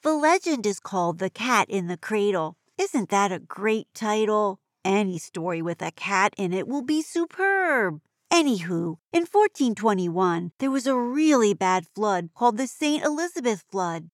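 A woman voicing an excitable young girl in a children's audio story, with a broad, singsong, exclamatory children's-theatre delivery. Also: mid-range voice, unhurried, few pauses, no room sound, studio quality. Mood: enthusiastic, storytelling. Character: Jazzy, excitable young girl tourist who loves cats.

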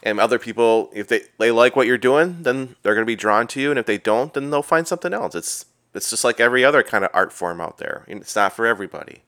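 A man hosting a podcast, affirming his guest in a relaxed interview chat. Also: medium pitch, quick pace, few pauses, no room sound, studio quality. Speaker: podcast host.

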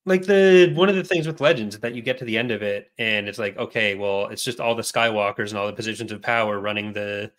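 A man co-hosting a podcast in casual chat over a remote call, talking quickly and eagerly with many fillers. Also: lowish voice, steady tone, fairly bright tone. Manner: quick, enthusiastic, filler-heavy. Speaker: podcast co-host.

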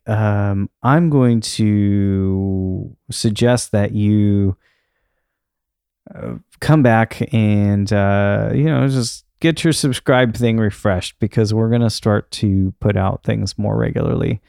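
Man, solo podcast host, mellow smooth voice, casual, hesitant, thinking aloud. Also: fairly low pitch, takes it slowly, no echo, studio quality. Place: untreated room in his house.

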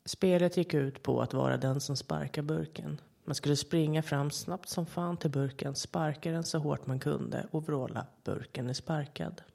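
Brief: podcast horror narrator, calm and measured, mid-pitched voice with a gravelly rasp. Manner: calm, measured storytelling with short quoted voices. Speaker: podcast storyteller.

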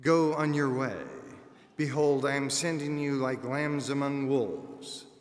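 A man, a clergyman, reads the Gospel aloud at Mass in a measured, formal way. The sound has a cathedral-like echo. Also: medium pitch, steady tone, a little hiss or hum. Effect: cathedral-like echo with long reverb. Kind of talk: liturgical Gospel reading. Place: large church during Mass. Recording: echoey church hall, long reverb.

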